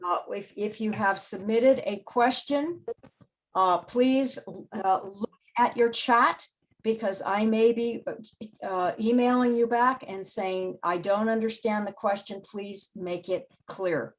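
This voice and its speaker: A woman's voice: mid-range voice, slow, rough recording. A woman who handles the chat at a townhall, firm but polite as she sets rules for questions on a video call. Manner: firm, polite, rule-setting. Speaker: chat moderator.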